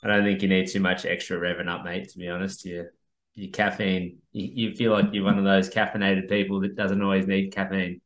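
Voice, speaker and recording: A man's voice: low-pitched, flat delivery, brisk. An Australian man hosting a podcast in casual chat, with a laid-back, understated way of talking. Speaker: podcast host. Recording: roomy, echoey sound.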